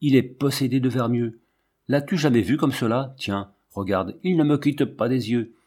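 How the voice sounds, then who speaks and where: A man's voice: medium pitch, moderate pace, darkish tone, lightly acted. A man reading the part of a haunted lion tamer who talks with hissing, obsessive insistence. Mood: haunted, agitated. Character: haunted, half-mad male lion tamer, feverish.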